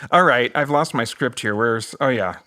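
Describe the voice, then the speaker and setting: A man's voice: mid-range voice, normal speed, sharp tone. Rambling, jokey American man hosting. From United States. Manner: rambling, self-deprecating, jokey. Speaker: podcast host. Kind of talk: casual chat and interviewing.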